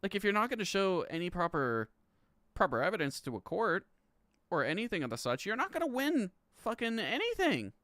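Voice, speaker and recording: A man's voice: high voice, wildly swooping pitch, fairly quick, a bit bright, no echo, clean studio sound. A man in his thirties chatting casually on a live stream, rambling and swearing, laughing between lines and stumbling as he reads legal text aloud. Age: 30s. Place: home room.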